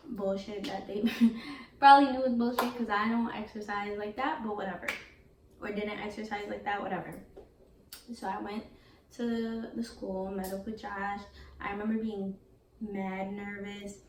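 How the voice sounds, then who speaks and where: Recorded from a distance in a room with clear echo, a young woman who does beauty vlogs shares a slang-filled, candid storytime with her audience. Her pitch is medium, and a faint hiss runs beneath the chatty delivery.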